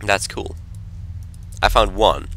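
A man's voice: fairly low pitch, takes it slowly, pushed and bright. Jumpy man narrating a horror game. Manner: jumpy, talks to himself, drops to whispers when scared. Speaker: gameplay commentator. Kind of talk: horror game let's play commentary.

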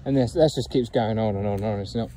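A man's voice: on the low side, fast talker, warm tone, a little hiss or hum. A man filming a casual outdoor walk-and-talk vlog on a phone, rambling with many ums and chuckles. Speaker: geocaching vlogger. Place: outdoors by a fence and bushes.

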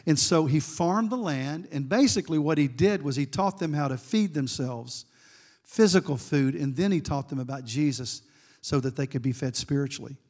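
A man's voice: on the high side, normal speed, a little mellow. A middle-aged man giving a sermon as guest preacher, telling a story with asides to the congregation.

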